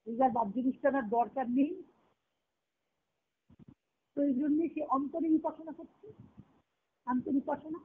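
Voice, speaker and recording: A spiritual teacher delivers a devotional talk in a high voice at normal speed, leaving long pauses between thoughts. Heard through a phone conference call, her voice is thin, tinny and narrowband, and she reflects aloud while returning again and again to her central phrases.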